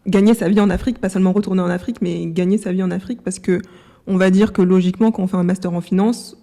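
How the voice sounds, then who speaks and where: A woman in her twenties speaks at a middle pitch with a warm, mellow tone. She answers questions calmly and steadily, sometimes pausing on a filler before going on. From France. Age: 20s. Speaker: interview guest. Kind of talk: conversational interview.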